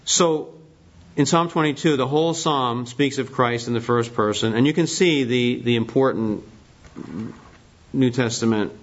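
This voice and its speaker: A man's voice: mid-range voice, a little slow. Man teaching a Bible class, lo-fi. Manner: conversational, asks the class questions. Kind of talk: Bible study lesson. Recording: dull lo-fi recording.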